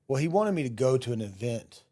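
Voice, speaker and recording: Mellow-voiced male podcast host. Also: mid-range voice, very animated, brisk. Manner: frequent affirming back-channel, rambling anecdotes. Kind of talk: casual podcast interview.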